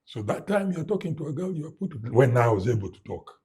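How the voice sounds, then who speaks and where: Very husky Kenyan man, lively storyteller. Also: medium pitch, quick pace. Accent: Kenyan English. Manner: animated storyteller who mimics sounds and drops Swahili words. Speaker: guest. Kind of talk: storytelling in a conversational interview.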